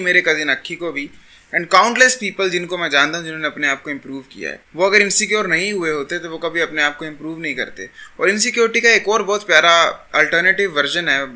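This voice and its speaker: Forceful, argumentative young man. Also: high voice. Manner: argumentative, mixes Hindi and English. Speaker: self-improvement YouTuber. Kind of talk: opinion monologue to camera.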